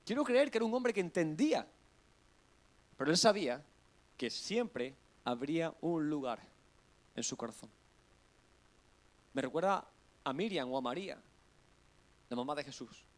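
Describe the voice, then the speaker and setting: Pastor guy preaching, kinda high voice, acts stuff out then goes soft and prayerful. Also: normal speed, pauses often. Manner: animated, acts out scenes, then drops to soft earnest prayer. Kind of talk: sermon.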